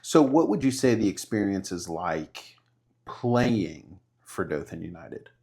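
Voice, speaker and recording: A man from Southern California hosting a podcast, chatty and animated, telling stories and laughing often. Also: low-pitched, slow. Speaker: podcast host. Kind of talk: casual interview chat.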